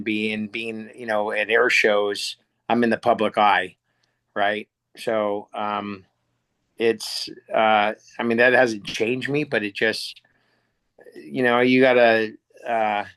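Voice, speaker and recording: As an interview guest, this middle-aged American air show pilot from the United States speaks in a relaxed, reflective way, plainly and often groping for the right word. His voice is medium-pitched with a fairly bright tone.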